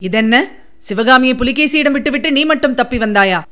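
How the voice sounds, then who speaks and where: A woman's voice: high voice, fairly bright tone. A woman voicing an impatient, commanding young prince who presses hard for answers. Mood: angry. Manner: demanding, quick-tempered.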